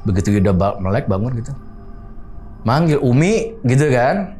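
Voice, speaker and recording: A man's voice: mid-range voice, normal speed, faint music behind. A man, casually recounting a horror story from his boarding house and acting out what people said. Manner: animated retelling, acting out quoted dialogue.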